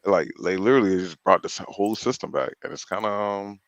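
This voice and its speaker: A man's voice: lowish voice, a little fast, dry recording. A man co-hosting a podcast in laid-back, slangy casual chat, laughing often.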